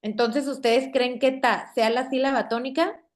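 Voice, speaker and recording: A woman teacher with a Mexican Spanish accent, explaining a classroom lesson slowly and patiently, checking in with her students after nearly every sentence. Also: sits high, fairly even intonation. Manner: slow, patient, checks in with "¿ok?" constantly. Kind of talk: classroom lesson on spelling and stress. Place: classroom with projector screen.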